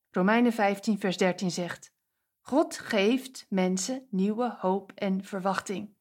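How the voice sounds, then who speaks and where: A woman's voice: fairly high pitch, darkish tone. A woman giving a short devotional message and prayer, speaking directly and encouragingly to the listener.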